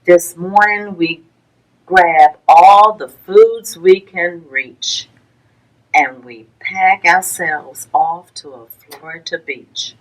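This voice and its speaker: A woman with a lowish voice reads a rhyming children's picture book aloud at story time, phrasing it deliberately and rhythmically for young listeners. The recording is low quality.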